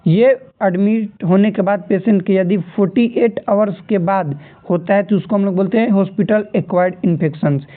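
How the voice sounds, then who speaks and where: A man going through nursing exam questions as a tutor, repeating key terms and telling students to remember them. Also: high voice. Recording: tinny phone-like audio.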